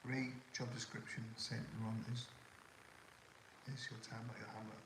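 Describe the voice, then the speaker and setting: An older Liverpool-area man with a toned-down Scouse accent hosts a casual livestream chat, answering viewer questions in a rambling way full of ums and restarts. His mid-range voice is level, a bit bright, and at normal speed. The rough recording has an echoey room and slight background noise.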